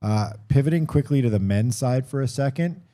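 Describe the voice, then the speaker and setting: A man's voice: mid-range voice, animated, a little fast, warm tone. A man giving conversational live sports commentary on a race, thinking aloud and correcting himself as he goes.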